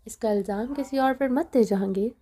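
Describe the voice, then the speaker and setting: A woman's voice: fairly high pitch, warm tone, lightly acted. A woman voicing a young wife who confronts her husband emotionally in an audio novel reading. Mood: defiant. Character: young wife, hurt and defiant.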